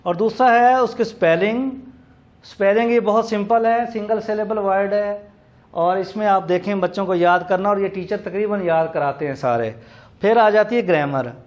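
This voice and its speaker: A man giving a recorded lecture on teaching English words, explaining slowly and spelling words out letter by letter. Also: sits high. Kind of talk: classroom lecture. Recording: dull lo-fi recording.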